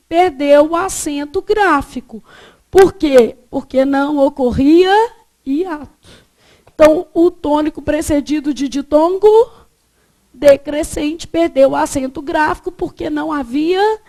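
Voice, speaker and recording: Woman teacher going over grammar, high voice, takes it slow, quizzes then answers herself. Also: mellow. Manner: asks questions and answers them herself. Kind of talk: grammar lesson.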